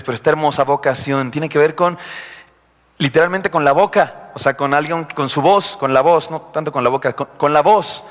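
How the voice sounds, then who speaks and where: Young Mexican preacher in a reverberant church. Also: male voice, medium pitch, fairly bright tone. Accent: Mexican Spanish. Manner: chatty, confiding, jokes with the congregation. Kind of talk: sermon. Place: church hall. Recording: live stream in a reverberant church.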